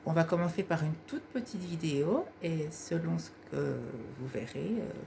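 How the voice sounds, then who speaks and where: A woman with a husky voice, hosting her own sketch video and talking casually to her viewers. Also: deep voice, expressive, moderate pace, dark tone, a little hiss or hum. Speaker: sketch video creator and host. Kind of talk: casual vlog talk to viewers.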